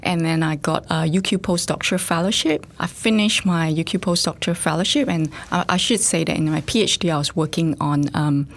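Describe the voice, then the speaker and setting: In a casual interview, a middle-aged woman from Singapore who works as a scientist and facility director speaks thoughtfully with frequent fillers and restarts. Her deep voice moves fairly quickly, with few pauses.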